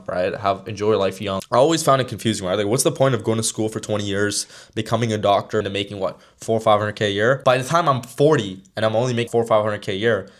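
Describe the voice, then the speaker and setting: A man of about twenty giving a brash motivational talk to camera as a sales mentor, casual and slangy. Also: lowish voice. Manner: brash, slangy, straight-talking.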